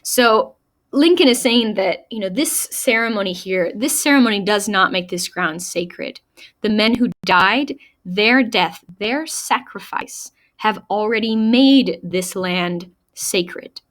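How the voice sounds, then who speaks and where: A woman's voice: medium pitch, a bit bright. A woman teacher explaining a famous speech line by line in a recorded lesson, reading quotes aloud with emphasis. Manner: explains slowly, reads quotes aloud with emphasis, small laughs. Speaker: high school English teacher.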